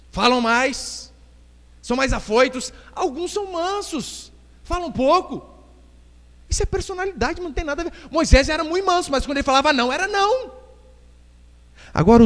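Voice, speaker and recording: A man with a Brazilian Portuguese accent preaching a sermon as pastor, joking and acting out little scenes as he goes. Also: extremely high pitch. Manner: animated preaching with jokes and acted-out quotes. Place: church hall. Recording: echoey church hall.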